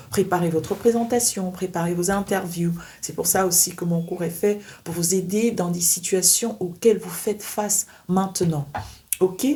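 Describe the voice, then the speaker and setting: A woman teaching pronunciation, speaking slowly and repeating sounds and words for learners to copy. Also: on the low side, dark tone. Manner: repeats sounds and words for practice, addresses viewer directly. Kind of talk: slow instructional lesson with drilled examples.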